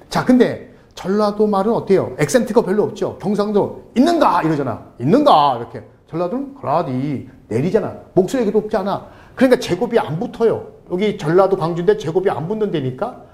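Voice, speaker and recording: A man's voice: sits high, darkish tone. A middle-aged man giving a casual, joking tutoring lesson over a screen recording, talking straight to his viewers. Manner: playful, joking, talks to viewers directly. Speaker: online tutor.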